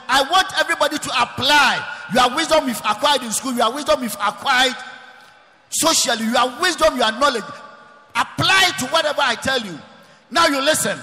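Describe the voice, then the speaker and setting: High, forceful preacher in a hall. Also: male voice. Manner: emphatic, repeats phrases, often shouts. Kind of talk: preaching sermon. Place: large church hall. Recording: long reverb of a large church hall.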